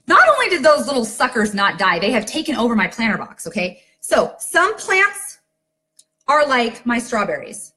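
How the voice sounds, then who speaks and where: A woman leading a network marketing team, telling a garden story in a casual live-video talk, filling her speech with "like" and "okay?". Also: on the high side. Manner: chatty, lots of "like" and "okay?", animated storytelling.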